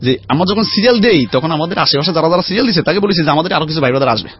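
Guy w rattling off a life story, quick and chatty, muffled lo-fi sound. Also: on the high side, slightly rough. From Khulna region, Bangladesh. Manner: lively anecdotal storyteller, chatty. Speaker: guest. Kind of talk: casual life-story telling. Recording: dull lo-fi sound with faint music.

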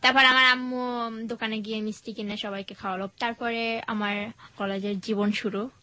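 A nineteen-year-old woman, telling her personal story as a guest, soft and hesitant in manner. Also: on the high side, fairly even intonation, moderate pace, dry recording. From Bangladesh.

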